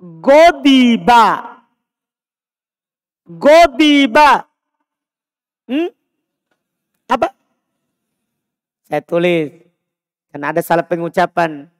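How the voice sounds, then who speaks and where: A man's voice: a little high, sing-song, slow pace, long pauses. A man teaching an Arabic grammar class in a mosque, with an Indonesian accent from Makassar, drilling his students with short repeated prompts to say each form again. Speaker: Islamic teacher. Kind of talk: live Arabic morphology class.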